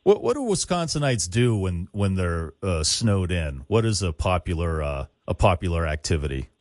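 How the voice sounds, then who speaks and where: A man's voice: low voice, very animated, normal speed, a little mellow, no echo, clean studio sound. A man hosting a casual radio interview in a conversational way.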